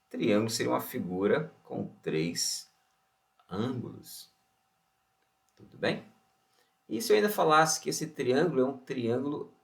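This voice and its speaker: A man's voice: mid-range voice, vocal fry. A Brazilian man teaching an online science lesson, asking rhetorical questions and then answering them himself. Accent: Brazilian Portuguese. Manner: opens with a Bible verse and blessing.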